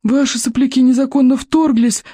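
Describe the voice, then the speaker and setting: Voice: high voice, steady tone, moderate pace, mellow, no room sound, pitched above the performer's own voice. A reader voicing a crazed, scrawny old male librarian who screeches and hisses his words in a storybook reading. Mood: shrill, accusing. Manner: screeching, hissing, creaky. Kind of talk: audiobook character voice.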